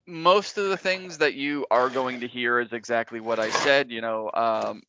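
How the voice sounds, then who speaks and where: A man working as game master, improvising narration casually and explaining things in a halting, conversational way. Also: medium pitch, background noise.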